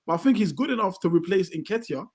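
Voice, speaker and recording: A man, a football fan ranting in heated casual chat, swearing often and building to loud outbursts. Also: high voice, expressive, fast, over a noisy crowd. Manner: swears a lot, rants with rising outbursts.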